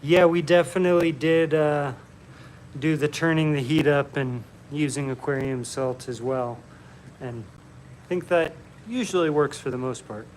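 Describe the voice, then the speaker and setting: A man hosting a casual live stream Q&A from his home, relaxed and chatty with frequent ums. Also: fairly high pitch, moderate pace, slight background noise.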